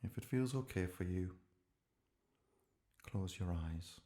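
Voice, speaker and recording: A guided relaxation meditation is led by a calm man whose voice sits low. His phrases are short and gentle, each followed by a pause.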